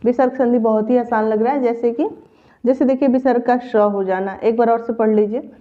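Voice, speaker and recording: A woman's voice: fairly high pitch, fairly even intonation, brisk. A woman teaching a grammar lesson for exam preparation, patiently repeating each example step by step. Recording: tinny phone-like audio.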